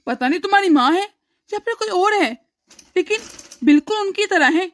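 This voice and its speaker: A woman voicing a caring, agreeable young husband in a cartoon story, speaking in a gentle, reassuring way. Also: very high-pitched, expressive, moderate pace. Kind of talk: cartoon voice acting.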